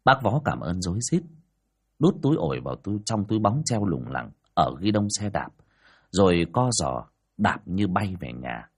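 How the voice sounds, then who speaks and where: A man's voice: sits low, big pitch swings, moderate pace, husky. A man narrating a ghost story in a dramatic, storytelling way. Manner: dramatic, rising and falling telling.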